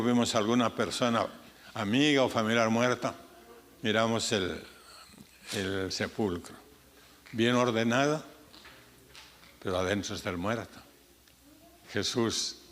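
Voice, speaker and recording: A man's voice: mid-range voice, fairly bright tone. Preaching man in a reverberant church. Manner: earnest preaching, rising and falling sharply for emphasis. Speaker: pastor. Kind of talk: sermon. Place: church sanctuary. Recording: church sanctuary with long reverb.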